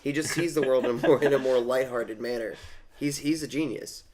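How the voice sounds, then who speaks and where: A man's voice: medium pitch, a little fast, a little mellow. A man co-hosting a casual fan podcast, talking eagerly and quoting favorite lines with gusto. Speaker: podcast co-host.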